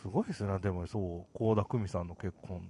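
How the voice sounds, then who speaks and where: A man's voice: sits low, quick pace, slightly rough. A young man hosting a casual radio talk show, telling stories and acting out the lines of the people in them. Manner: animated storyteller acting out quoted lines. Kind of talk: casual chat.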